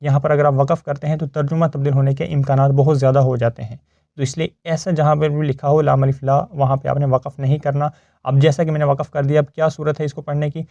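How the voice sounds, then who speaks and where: A man teaching Quran recitation step by step. He explains each rule patiently, checks often that the listener follows, and recites the verses slowly and drawn out. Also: on the high side, little pitch movement, mellow, dry recording, lo-fi sound.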